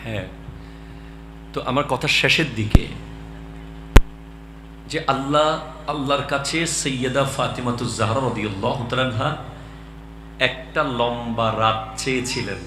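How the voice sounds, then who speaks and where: Preaching a Bengali waz sermon, a man with a mid-range voice speaks a little slowly and takes long pauses, then rises to impassioned shouts. He calls on the gathering to answer him, and the recording has an echoey room and background noise.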